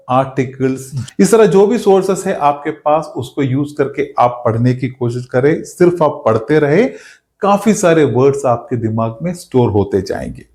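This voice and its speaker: A man teaching English spelling in a calm, explanatory lesson, slowing down to spell words out letter by letter. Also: mid-range voice. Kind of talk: spoken lesson.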